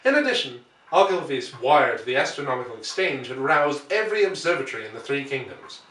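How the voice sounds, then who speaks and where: An audiobook reader, a man, narrates literary prose in a measured, deliberate, sing-song way. His voice is bright and forceful at an ordinary pitch. The recording is roomy and echoing, captured far from the mic.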